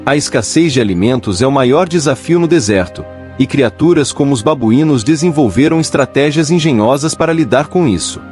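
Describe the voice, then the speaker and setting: A man's voice: medium pitch, animated, brisk, darkish tone. A man reading scripted narration for a nature documentary. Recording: music behind the voice. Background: background music.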